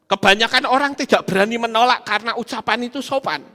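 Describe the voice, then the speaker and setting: Bright-voiced man preaching in a reverberant hall. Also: very high-pitched, fast talker. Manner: animated, laughs often, addresses congregation directly. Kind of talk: sermon with stories and audience questions.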